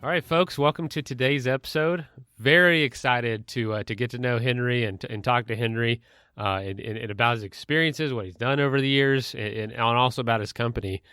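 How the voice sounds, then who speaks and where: A man's voice: mid-range voice, fairly quick, sharp tone, smooth, dry recording, studio quality, faint music behind. A male podcast host who introduces his guest and asks questions in an upbeat, eager, conversational way.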